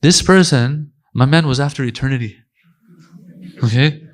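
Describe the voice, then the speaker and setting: A man's voice: mid-range voice, moderate pace. A middle-aged man giving a religious talk at a conference, in an informal, joking manner with slangy asides. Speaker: religious lecturer. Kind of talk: casual conference lecture. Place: lecture hall.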